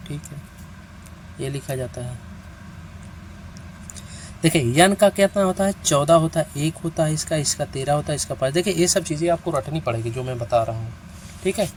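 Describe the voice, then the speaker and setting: A man with a fairly high voice teaches reasoning online, working through each problem step by step. He counts items aloud and keeps asking whether the listener has understood. Faint traffic sounds can be heard behind him. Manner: counts out steps aloud, often checks in with the listener. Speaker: reasoning teacher for competitive exams.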